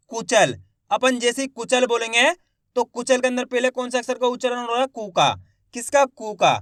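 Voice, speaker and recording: A man's voice: extremely high pitch, a bit bright, no echo, clean studio sound. A man teaching children's spelling, sounding out each word syllable by syllable and answering his own questions. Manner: drills each syllable, asks and answers himself. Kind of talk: slow spelling lesson, repeating words.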